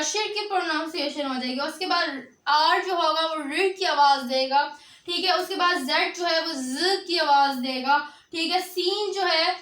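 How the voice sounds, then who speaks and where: High bright-voiced woman teaching. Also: echoey room. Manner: explanatory, often adds a check-in filler after each point. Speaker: language teacher. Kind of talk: recorded language lecture.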